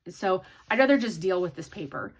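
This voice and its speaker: A woman talks through her latest hobby purchases in a relaxed, rambling way, full of ums and restarts. Her voice sits a little low for a woman. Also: fairly quick. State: sleepy, yawning. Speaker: hobby vlogger. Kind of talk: casual haul video chat.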